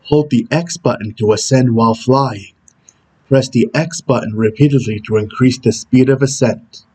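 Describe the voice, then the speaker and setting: Man doing a husky Shadow impression, stern game antihero. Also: medium pitch, moderate pace, dark tone, close to an everyday voice. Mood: stern, instructional. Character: Shadow, brooding male video game antihero giving tutorial hints. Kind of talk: character impression reading game tutorial instructions.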